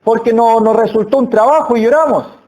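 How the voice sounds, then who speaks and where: High-voiced Spanish-speaking preacher, slow and earnest. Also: male voice, a little mellow. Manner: earnest, slow emphatic phrasing with repetitions. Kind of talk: sermon. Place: church hall.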